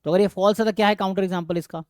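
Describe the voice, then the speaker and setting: A man's voice: sits high, fairly even intonation, very fast, clean tone, no echo, clean studio sound. A man with an Indian accent teaching a live online math lecture, explaining step by step and quizzing his students.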